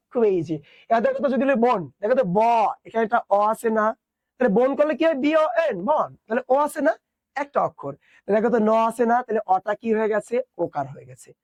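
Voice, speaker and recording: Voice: medium pitch, darkish tone, no room sound. Teacher quizzing and self-answering. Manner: quizzes students with questions, then answers them itself; mixes English words into the explanation. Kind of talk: online exam-prep lesson.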